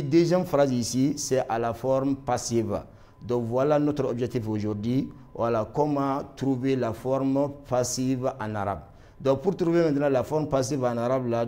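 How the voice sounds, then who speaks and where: A man's voice: medium pitch, mellow. A man with a Malian French accent teaching a grammar lesson, repeating his points with many fillers and switching between two languages. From Mali.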